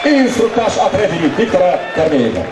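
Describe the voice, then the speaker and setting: A man working as a boxing ring announcer, formally presenting fighters and drawing out names into shouts over a stadium PA. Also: high voice, very animated, fairly quick, heavy background noise. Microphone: handheld microphone over PA, heard from the camera. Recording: echoey distant PA over loud crowd.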